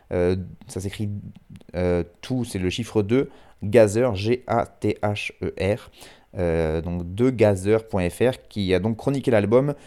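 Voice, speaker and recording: Mellow-voiced man hosting a rap show. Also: fairly low pitch. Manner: relaxed, self-deprecating, hesitant with frequent fillers. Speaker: radio show host presenting rap tracks. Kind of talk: casual spoken presentation, reading a review aloud.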